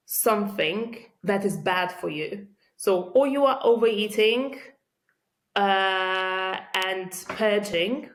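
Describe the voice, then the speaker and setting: A woman with a Lithuanian accent, a podcast guest telling her own story earnestly, pausing often with fillers. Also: medium pitch. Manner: earnest, halting with frequent pauses and fillers. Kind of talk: interview storytelling.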